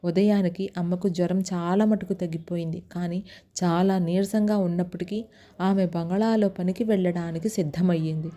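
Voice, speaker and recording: Woman, Telugu accent, first-person storytelling, mellow dark voice, steady pace. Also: on the low side, normal speed.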